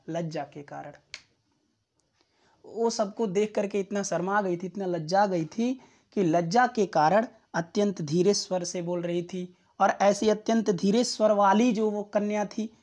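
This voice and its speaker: A patient woman Sanskrit teacher, walking students through a classical text phrase by phrase. She repeats explanations and checks in with the listener often. Her voice sits at a mid pitch. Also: a little mellow. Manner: repetitive, patient explaining with frequent comprehension checks.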